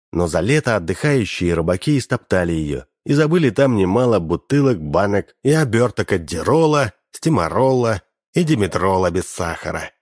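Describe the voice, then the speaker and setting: A man with a lowish voice narrating an audiobook like a lively storyteller. The recording is dry and close, with no room sound. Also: no room sound.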